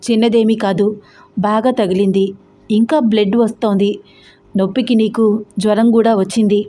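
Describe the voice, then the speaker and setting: A woman's voice: medium pitch, fairly even intonation, moderate pace, mellow, natural voice. A woman doing a hurt, scolding young wife. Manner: reproachful, firm.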